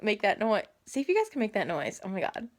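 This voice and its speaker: A woman recounting a story in a casual vlog, her voice at an everyday middle pitch. She rambles and backs up to fix her words as she talks. It is recorded on a phone camera. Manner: rambling, self-correcting storytelling. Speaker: vlogger.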